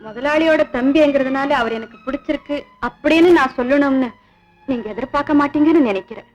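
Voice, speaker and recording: A woman playing a frank young orphan woman, high voice. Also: a little fast, highs cut off, soft background music, close to an everyday voice. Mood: calm, firm. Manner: blunt and reasoning, addresses him as sir. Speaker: household worker. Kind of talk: 1960s Tamil film acting.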